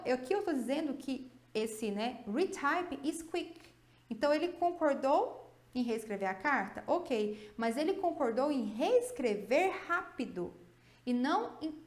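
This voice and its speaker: A woman teaching an English grammar video lesson, speaking with a Brazilian Portuguese accent in a fairly high voice. She explains step by step and keeps checking in with her students. The recording has a roomy echo. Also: darkish tone.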